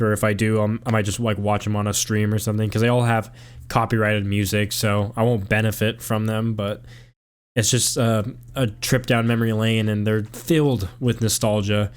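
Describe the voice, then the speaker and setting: A young man, a gaming YouTuber, talking casually and reflectively in a monotone over gameplay. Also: on the low side, smooth.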